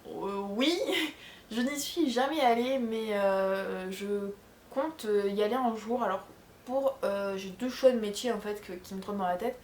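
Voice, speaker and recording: A medium-pitched, darkish female voice speaks at a measured pace, with a roomy sound. A young vlogger from France's Charente region, she chats casually in her bedroom in reply to viewer questions, rambling and filling her speech with fillers and self-corrections.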